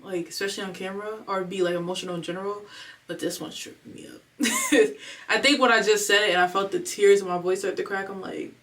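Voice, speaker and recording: Speaking fast in a fairly bright, mid-range voice with fairly even intonation, this twenty-something vlogger rambles through slangy, confessional talk at home. She's emotional and holding back tears, and her voice is a bit far from the microphone.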